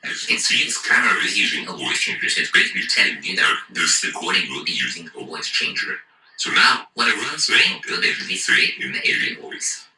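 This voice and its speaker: Guy talking thru an alien voice changer, lowish pitch, swings around a lot. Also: very animated, fast talker, sharp tone, reverberant, far from the mic, low-quality recording. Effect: voice changer filter, alien voice. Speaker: phone tutorial presenter. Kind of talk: tutorial explanation.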